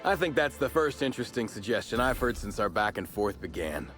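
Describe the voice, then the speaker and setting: An actor playing an aloof, weary negotiator with a formal, dry manner in a video game. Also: male voice, on the low side, very animated, brisk, fairly bright tone, soft background music. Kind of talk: video game character acting.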